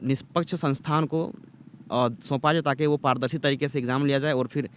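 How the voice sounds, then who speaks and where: A young man, a protesting exam candidate, speaking earnestly and aggrieved in a street interview, pausing often with fillers. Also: mid-range voice, steady tone, slight background noise. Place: outdoors at a protest site.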